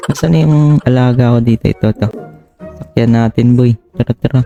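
A man giving chatty, excitable Minecraft let's-play commentary, often calling out to his viewers. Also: mid-range voice, a little fast. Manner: chatty, keeps saying "boy" and "tara, tara", excitable. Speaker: gaming YouTuber. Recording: slightly dull lo-fi voice with game music behind.

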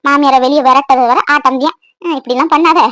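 A woman's voice: sits high, fairly even intonation, fast talker, a bit bright, no room sound. A woman voicing a grumbling old village woman in a cartoon, lamenting and scolding young wives about the old days. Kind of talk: cartoon voice acting.

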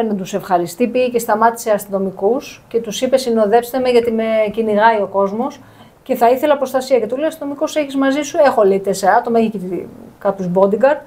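A woman's voice: mid-range voice, warm tone. A woman co-hosting a showbiz gossip show, chatting casually and giving firm opinions on the celebrity stories.

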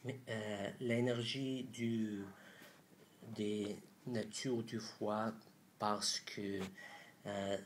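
A man in his thirties with a foreign accent in French, a non-native speaker giving a halting instructional presentation, searching for words. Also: fairly low pitch, a little hiss or hum. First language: not French. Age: 30s. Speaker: doctor presenting an acupuncture method. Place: small room indoors.

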